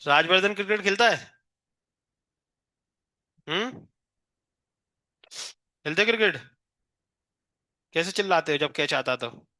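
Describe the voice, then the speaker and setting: A man's voice: sits high, lively intonation, slow pace, pauses often, bright, forceful tone, no echo, clean studio sound. A male physics teacher in a live class, teasing and coaxing a shy student to answer, counting aloud to three.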